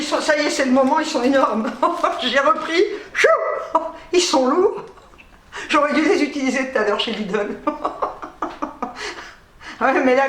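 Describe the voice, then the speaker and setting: Woman vlogger, high and wound-up, laughing nervously through a haul, roomy echo. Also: a bit bright. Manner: agitated, nervous laughter between phrases; swears casually. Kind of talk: casual shopping haul chat.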